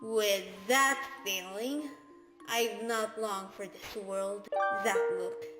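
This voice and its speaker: A woman's voice: medium pitch, fairly even intonation, bright, forceful tone, faint music behind. Woman voicing an echoing alien hive-mind chorus. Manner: solemn, formal, slow. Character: lonely alien hive-mind remnant, grave and proud.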